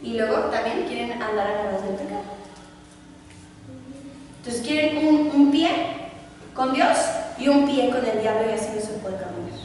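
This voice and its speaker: Female pastor, Mexican accent, emphatic sermon delivery, high-pitched, heard from a distance in a reverberant church hall. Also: moderate pace, pauses often, a little mellow, slight background noise. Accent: Mexican Spanish. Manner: emphatic, preaching with rhetorical questions. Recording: echoey hall from far off, faint ambience.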